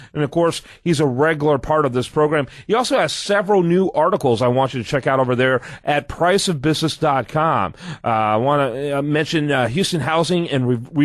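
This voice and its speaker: A man hosting a radio talk show, plugging the show's website and briskly steering his guest through questions. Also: on the high side, no echo, clean studio sound.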